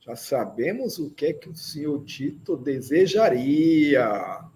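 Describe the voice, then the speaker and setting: Slow, patient teacher, man. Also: a little high, very animated, mellow. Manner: slow, patient, with frequent "né?" checks; repeats phrases slowly for learners. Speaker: Esperanto teacher. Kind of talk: language lesson, explaining grammar.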